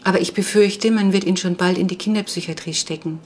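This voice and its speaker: A woman reading the part of a caring, persuasive middle-aged mother in an audiobook, calm and reasoning. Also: lowish voice, fairly quick, close to an everyday voice. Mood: earnest.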